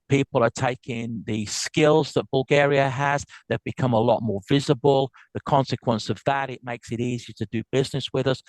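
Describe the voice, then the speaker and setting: A man with a South African accent, born in South Africa, giving an upbeat business talk and answering questions quickly, with frequent restarts. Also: mid-range voice, no echo, low-quality recording. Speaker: guest speaker. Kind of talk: business lecture and Q&A.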